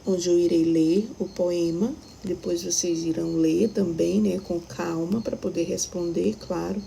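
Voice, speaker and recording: A woman's voice: lowish voice, steady tone, a little slow, gravelly, warm tone, a little hiss or hum, poor audio. A Brazilian woman teaching a recorded primary school lesson, patiently explaining step by step and checking that the children follow. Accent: Brazilian Portuguese.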